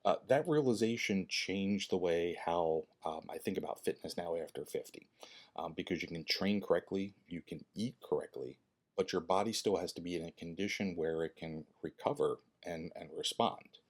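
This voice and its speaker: A man in his fifties talking to viewers in a personal vlog, earnest and halting, often restarting his words. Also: deep voice. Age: 50s. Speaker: fitness channel creator and host.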